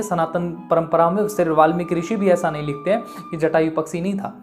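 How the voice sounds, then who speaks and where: A man hosting an online channel, giving an earnest explainer monologue in which he asks the viewer questions and answers them himself. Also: high-pitched. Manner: earnest, emphatic delivery. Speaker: YouTube channel host.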